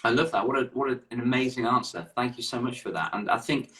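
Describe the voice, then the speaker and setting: A man's voice: medium pitch, quick pace, bright, forceful tone. Upbeat English man, echoey and distant. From England. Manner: upbeat, chatty, repeats words. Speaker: host. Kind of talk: online interview. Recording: echoey room, away from the mic.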